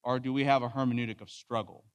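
A man giving a lecture-style sermon, talking quickly and posing rhetorical questions. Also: fairly even intonation, clean tone. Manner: low, solemn prayer. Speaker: preacher. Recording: reverberant hall sound.

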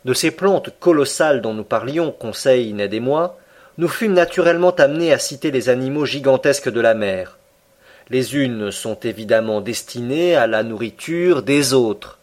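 A man narrating a classic novel as an audiobook in a measured, even reading style. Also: mid-range voice. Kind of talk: scripted literary narration.

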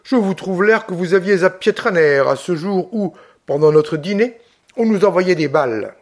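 A man's voice: sits high, animated, normal speed, pitched above the performer's own voice. A man voicing an older colonel asking blunt, puzzled questions.

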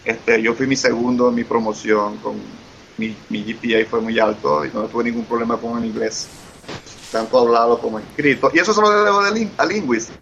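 Brisk and creaky, a Venezuelan man's mid-range, slightly bright voice comes through a lo-fi recording with faint hiss. He's an eager, effusive interview guest in a casual chat, with a Venezuelan Spanish accent and a habit of repeating himself.

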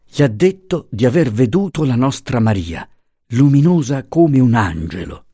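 A man voicing a tender, anxious young husband who speaks gently and pleadingly, in a dry audiobook reading. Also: mid-range voice, very animated, moderate pace, breathy edge, no echo, voice pushed up.

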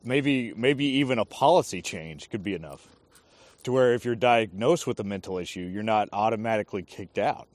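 Man, army veteran, lowish voice, halting thoughtful casual talk. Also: no echo. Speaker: army veteran, former drill sergeant. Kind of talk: casual conversation.

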